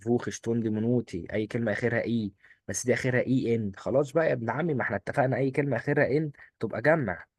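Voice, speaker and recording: A man with an Egyptian Arabic accent teaching a German exam-prep lesson, quizzing and answering his own questions in quick drills. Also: medium pitch, husky, dry recording. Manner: coaxing, repeats rules in quick drills.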